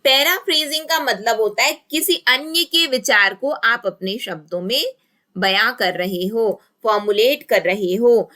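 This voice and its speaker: A woman's voice: fairly high pitch, unhurried, bright, forceful tone. A woman teacher giving an exam-prep lecture, mixing Hindi and English, asking and answering her own questions and dictating key terms word by word.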